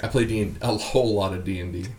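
A man hosting a podcast in casual chat, excitable and laughing often. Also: lowish voice, fast talker, background noise. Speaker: podcast host.

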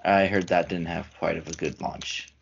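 A man's voice: low-pitched, level tone, normal speed, gravelly, lo-fi sound, a little hiss or hum. A man hosting a casual chat, leading his friends through a list of categories, his voice getting worn. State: losing his voice. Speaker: podcast host.

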